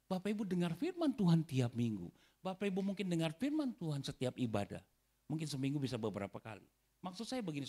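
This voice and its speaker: A man preaching a sermon as pastor, animated and often calling out to the congregation. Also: mid-range voice, creaky. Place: church hall.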